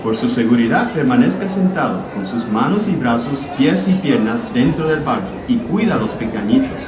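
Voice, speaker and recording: A man reading a scripted safety announcement in a plain, instructive way, played over a loudspeaker. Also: mid-range voice, lively intonation, fast, a crowd in the background. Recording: echoey loudspeaker from far off, noisy.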